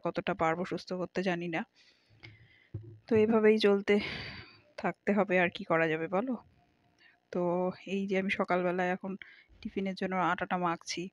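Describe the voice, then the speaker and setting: A middle-aged woman with a lowish voice chats casually with viewers in a home vlog while doing kitchen chores. She's homely and talkative, speaking straight to her audience. The recording is muffled but has no echo.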